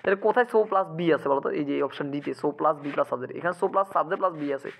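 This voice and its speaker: Fast, high-voiced grammar teacher. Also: male voice, creaky, fairly bright tone, rough recording. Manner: keeps checking students understand with quick asks. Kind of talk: exam-prep lecture.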